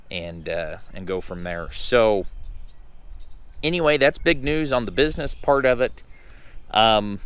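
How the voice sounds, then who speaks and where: A man with a slightly hoarse voice, recovering from losing it, gives a casual vlog update in a folksy, halting, unhurried way. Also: fairly low pitch, a bit bright. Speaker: truck owner and vlogger.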